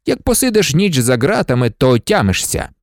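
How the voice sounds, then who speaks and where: A man reading an audiobook, voicing a stern, impatient policeman who talks in a brisk, scolding, sarcastic way. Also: mid-range voice, very animated, no echo, clean studio sound. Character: gruff stern male policeman, mocking and impatient.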